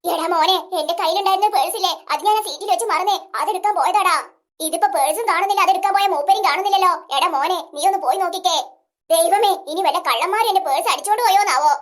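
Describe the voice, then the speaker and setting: A performer voicing a fussy elderly mother in a comedy skit, scolding and fretting quickly. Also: very high voice, fairly bright tone, pitched below the performer's own voice. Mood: fretful.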